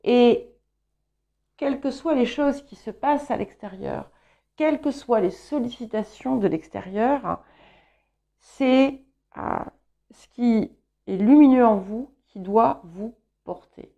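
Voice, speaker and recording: A woman whose first language is English, giving a calm, reflective tarot guidance reading with gentle encouragement. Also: on the high side, slow, creaky, dull audio. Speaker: tarot reader.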